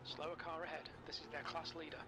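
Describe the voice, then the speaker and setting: A man's voice: a little high, steady tone, fast talker. A man giving terse pit radio calls as a race engineer, heard as an in-game pit radio voice. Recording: distant game audio under loud engine noise.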